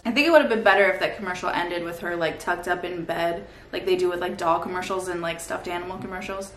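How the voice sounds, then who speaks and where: A woman's voice: lowish voice, fast talker, music in the background. A woman in her thirties giving casual, rambling comedic commentary as a host, sardonic and sweary. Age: 30s. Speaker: host reacting to old toy commercials. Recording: roomy echo, faint background noise.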